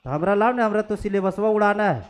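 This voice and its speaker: High-voiced scolding male maths teacher. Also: fast. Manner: scolding, blunt, mixes English maths terms. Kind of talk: classroom lecture, scolding students. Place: classroom.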